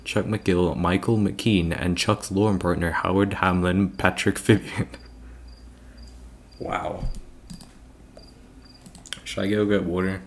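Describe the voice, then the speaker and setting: A man's voice: sits low, little pitch movement, takes it slowly, pauses often, slight background noise. A young British man on a livestream, reading a long text aloud, tripping over names and breaking off for wry, self-mocking asides. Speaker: streamer.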